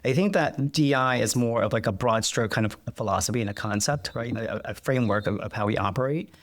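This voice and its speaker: A Vietnamese man from the United States speaks briskly in a medium-pitched voice as a guest in a conversational interview. He reflects on things with many fillers and restarts.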